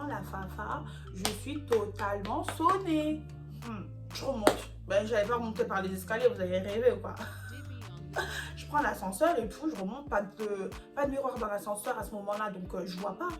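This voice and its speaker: A young woman from France tells a story to camera with lively, slangy drama, her voice sitting a little high for a woman. Music plays clearly underneath her talk. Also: normal speed. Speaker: YouTuber telling a story. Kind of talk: animated storytime vlog.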